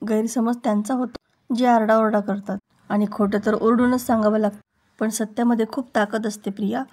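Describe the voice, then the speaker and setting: Determined young bride, firm and composed, read by a woman in a higher, level voice. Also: level tone, a little fast, darkish tone, natural voice.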